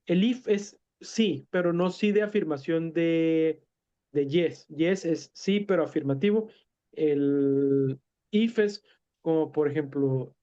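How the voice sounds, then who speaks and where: A man's voice: a little high, dark tone. A man teaching an English lesson in Spanish. He explains patiently, repeats and translates words step by step, and often hesitates and corrects himself. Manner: many hesitations and self-corrections. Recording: dull lo-fi recording.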